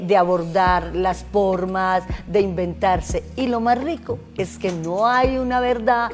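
A woman's voice: lowish voice, darkish tone. A woman, a program organizer, giving an enthusiastic invitation with repeated phrases. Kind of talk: promotional invitation. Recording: music clearly underneath.

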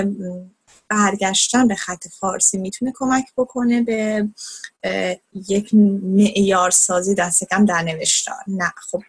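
Breathy woman asking questions. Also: medium pitch, no echo. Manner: hesitant questions with fillers. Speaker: interviewer. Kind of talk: interview.

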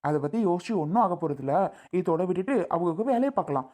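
A woman's voice: on the low side, animated, fast, a little mellow. A woman playing a patient relative who coaxes and apologizes, a bit exasperated, in a family skit. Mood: coaxing. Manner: coaxing, exasperated.

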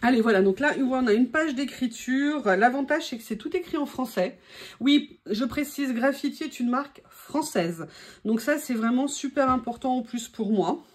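A woman's voice: high-pitched, normal speed. A woman from France chatting casually through a haul of craft papers, enthusiastic and full of hesitations. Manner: enthusiastic, many fillers and hesitations. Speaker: crafting vlogger. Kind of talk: casual product haul chat.

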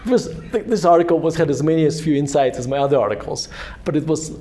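Fairly high-pitched and mellow, the voice belongs to a Russian-accented man in his forties, an author who is the guest at a synagogue hall fireside chat. He talks quickly and with animation through a handheld mic, circling through self-deprecating tales that keep starting over.

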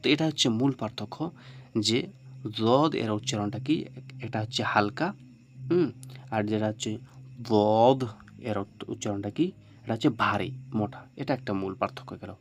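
In a lowish voice with a little hiss or hum, a man gives an informal spoken lesson on Arabic pronunciation. He poses questions, answers them himself, and slowly repeats each sound for the listener.

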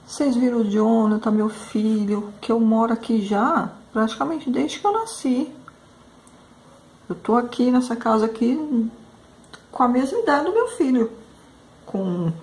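A woman tells a story while she paints a craft tutorial, in a fairly high voice. She is emotional and full of exclamations, and she keeps turning to her viewers. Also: darkish tone. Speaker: craft painter and channel host.

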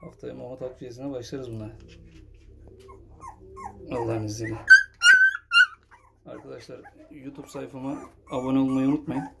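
A man's voice: little pitch movement, normal speed, vocal fry, long pauses. A man filming his puppies at home, talking to them in affectionate, cooing baby talk. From Turkey. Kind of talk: casual vlog narration. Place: indoors with a litter of puppies. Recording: loud background noise, dogs yapping. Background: puppies yapping and squeaking.

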